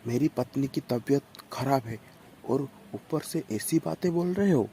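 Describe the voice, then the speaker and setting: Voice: medium pitch, lively intonation, mellow, slight background noise. A voice playing an indignant young husband. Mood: angry. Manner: hurried, indignant. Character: young husband, protective and angry.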